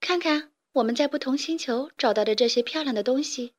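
A woman's voice: sits high, a little fast. A woman voicing a chirpy little alien chick. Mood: lively. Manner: chirpy, eager and a bit proud. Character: cheerful young male alien chick student. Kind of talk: storybook character voice.

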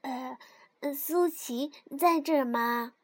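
A woman voicing a gentle little rabbit who speaks softly and hesitantly. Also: high-pitched, takes it slowly, no room sound. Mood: timid.

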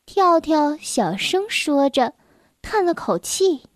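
A woman narrating a children's storybook in a gentle, unhurried manner. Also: sits high, very animated, no echo, studio quality.

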